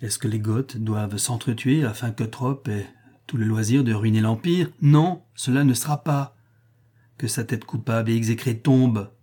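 A man's voice: mid-range voice, normal speed, mellow, breathy edge, natural voice. A man voicing a blunt barbarian general who speaks in a dry, icy, curt tone. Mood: cold.

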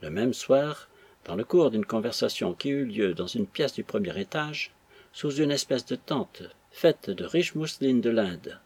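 A man reading a classic novel aloud in an expressive way. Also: medium pitch, measured pace, gravelly, slightly rough, no echo. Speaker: audiobook narrator. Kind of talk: scripted narration of a classic novel.

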